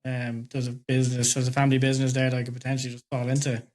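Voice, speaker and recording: Man, podcast host; relaxed, rambling questions, studio mic. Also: medium pitch, rapid-fire. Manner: easygoing, loosely phrased questions with fillers. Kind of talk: interview questions.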